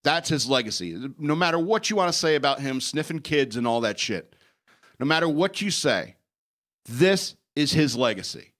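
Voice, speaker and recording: Man, opinionated news commentary, slightly raised pitch, blunt ranting delivery, emphatic repetition. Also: lively intonation, normal speed, fairly bright tone. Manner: ranting, blunt, emphatic, repeating phrases for effect. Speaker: talk show host commenting on news.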